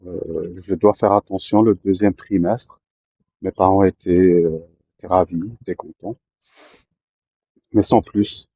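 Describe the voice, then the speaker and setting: A man telling his own life story to listeners, often pausing with fillers and restarting his sentences. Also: sits low, steady tone, slightly rough, no room sound, narrow, tinny audio. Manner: hesitant, many fillers and restarts. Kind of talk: personal storytelling to camera.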